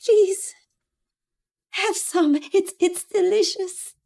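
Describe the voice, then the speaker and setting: A woman's voice: very high voice, steady tone, very slow, gravelly, slight background noise, heavily acted. An actress playing a poor, kind older mother who tries to keep the peace and pleads with her relatives. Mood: pleading. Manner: pleading, gentle.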